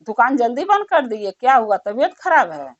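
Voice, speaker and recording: A woman's voice: a little high, very animated, normal speed, no echo. A woman doing a lamenting merchant's wife, pleading tone, muffled dull sound. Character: wailing merchant's wife, selfish, dramatic.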